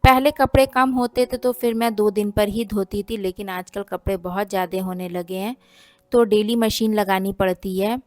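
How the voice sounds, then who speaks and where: A woman's voice: mid-range voice, fairly even intonation, moderate pace, darkish tone, no echo, studio quality. A woman in her thirties, a homemaker vlogging in a chatty, homely way, explaining things at length with plenty of fillers. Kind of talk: casual vlog narration.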